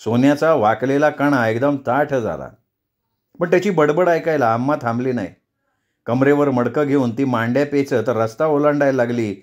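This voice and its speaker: A man narrating a novel aloud as a storyteller, in a measured, expressive reading. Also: medium pitch.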